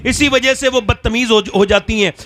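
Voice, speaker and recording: High-voiced male preacher telling stories. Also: fairly even intonation, moderate pace, pushed and bright. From northern India. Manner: storytelling, quizzes the audience with rhetorical questions. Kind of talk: sermon.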